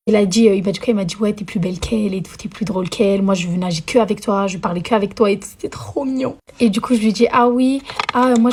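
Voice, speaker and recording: A young woman, a storyteller vlogger, tells a childhood story in a casual story-time style that is chatty and dramatic, packed with slang and English phrases. Her voice is medium-pitched, and there is background noise.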